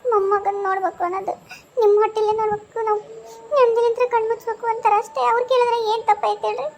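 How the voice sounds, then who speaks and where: A woman's voice: extremely high pitch, flat delivery, racing, a little mellow, soft background music. A woman with a North Karnataka accent voicing a tearful, self-sacrificing young wife in a cartoon, pleading and sorrowful. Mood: resigned. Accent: North Karnataka Kannada. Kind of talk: cartoon voice acting.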